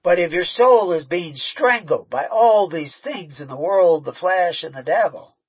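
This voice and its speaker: Husky-voiced man preaching, lo-fi. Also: high-pitched, expressive, measured pace. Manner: conversational storytelling, frequent fillers and restarts. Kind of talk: sermon with personal story. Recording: muffled, lo-fi recording.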